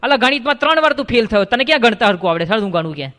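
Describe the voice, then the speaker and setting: A man's voice: fairly high pitch, rapid-fire, a bit bright, voice pushed down, natural voice. A man voicing a young village man who scolds his friend and boasts he can count better. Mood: scolding. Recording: long hall reverb.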